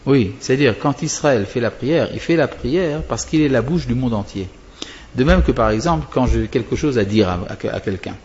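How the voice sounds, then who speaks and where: A man's voice: medium pitch, normal speed, a little mellow, highs cut off. A male religious teacher explaining prayer to students, wandering off topic and answering his own questions.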